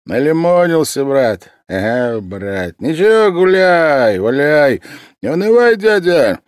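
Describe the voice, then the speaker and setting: A man voicing a drunk, jolly young male student who shouts in a high voice. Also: sing-song, takes it slowly, smooth, dry recording, studio quality.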